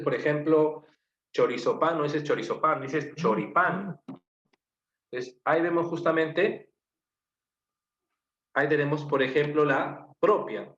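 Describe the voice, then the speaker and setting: Peruvian male teacher, quizzes the class and repeats answers, in a roomy room with dull sound. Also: a little high. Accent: Peruvian Spanish. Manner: asks the class questions, repeats answers, lists examples. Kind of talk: online class lecture. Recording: muffled, echoey room, faint noise.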